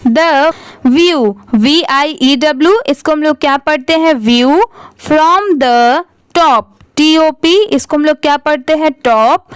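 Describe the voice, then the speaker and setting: A woman's voice: sits high, dry recording. A young woman teaching English reading with a Hindi accent, spelling words letter by letter and asking and answering her own questions. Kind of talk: slow spelled-out reading lesson.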